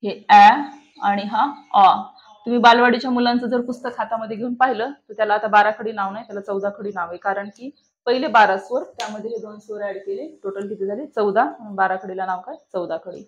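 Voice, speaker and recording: Speaking fast in a steady, medium-pitched voice, a woman lectures on shorthand to a classroom that has online students too; the audio's highs are cut off. She poses questions to the class and answers them on her own.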